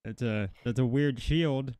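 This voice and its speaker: A man's voice: medium pitch, a little slow, mellow, no echo, studio quality. A man hosting a casual show, chatting and commenting on clips. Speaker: show host.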